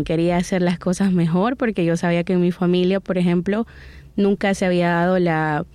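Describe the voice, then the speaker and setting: A woman in her thirties with a Salvadoran accent, a guest telling her life story in an interview in a reflective, unhurried way. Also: fairly low pitch, darkish tone, clean tone, no echo. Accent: Salvadoran Spanish. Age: 30s.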